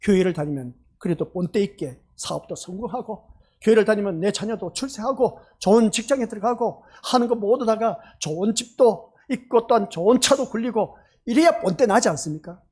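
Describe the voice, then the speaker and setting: A man's voice: high-pitched, brisk, darkish tone, slightly rough. A man delivers a Sunday morning sermon. He preaches emphatically, throwing rhetorical questions at his congregation. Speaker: pastor. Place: church sanctuary.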